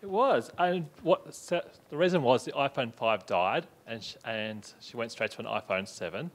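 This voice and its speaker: A male student at a middle pitch reports back in class. He explains things in a measured, steady way.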